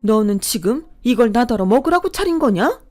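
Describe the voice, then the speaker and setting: A woman's voice: a little high, expressive, normal speed, soft background music, voice pushed up, natural voice. A woman voicing a bossy, easily enraged mother-in-law who scolds and sneers. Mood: shrill fury.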